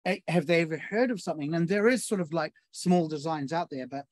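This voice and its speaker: A New Zealand barbecue chef chats casually outdoors at a barbecue, walking through the cooking step by step with plenty of fillers. His voice is a little high and brisk.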